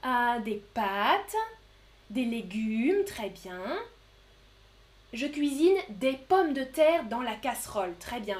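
A woman with a high voice leads a live online French lesson. She talks slowly and says each new word carefully, repeating it so learners can follow. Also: a little mellow. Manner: slow, clear, repeats words for learners. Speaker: French teacher.

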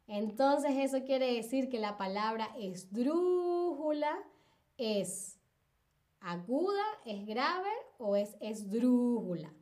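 A woman's voice: high voice, a little mellow. A woman teaching a live-streamed spelling lesson, patient, repeating examples and checking in with the viewers.

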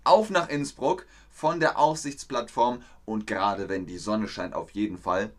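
A man teaching a livestreamed German lesson, explaining words slowly and reading out viewer comments. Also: lowish voice.

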